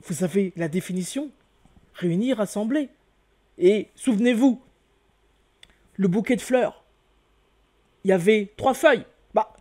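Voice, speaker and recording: A man's voice: very high-pitched, darkish tone. A man giving a video lesson as host, exclaiming often and repeating his key words, asking the listener questions and answering them himself. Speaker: channel host teaching hieroglyphs.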